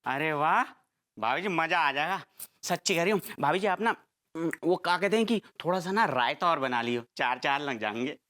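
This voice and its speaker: A man's voice: a little high, expressive, moderate pace, bright, forceful tone, no room sound. An actor playing a man disguised as a cheeky, teasing woman lodger in a TV comedy.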